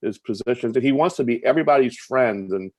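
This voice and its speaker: A man's voice: medium pitch, fast, no echo. A man in casual conversation, blunt and dismissive in his opinions.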